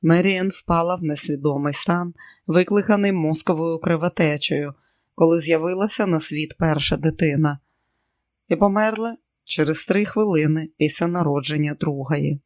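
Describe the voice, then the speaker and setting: An audiobook narrator reads with dramatic expression in a middle-pitched voice. The sound is dry and close to the mic. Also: moderate pace, no echo.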